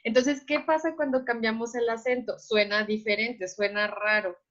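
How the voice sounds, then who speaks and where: A woman with a fairly high voice leads an online class, patiently explaining and pausing again and again to ask if everyone is following. The sound is slightly dull and lo-fi, as over a video call. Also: fairly even intonation, fairly bright tone. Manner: patient, checks understanding with repeated questions. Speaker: teacher.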